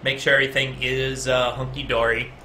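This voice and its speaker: Bright-voiced man live-coding aloud. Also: medium pitch, flat delivery, fairly quick, a little hiss or hum. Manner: chatty, talks to viewers in chat between code explanations; guessing and reasoning out loud with frequent "uh". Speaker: game developer streaming his coding.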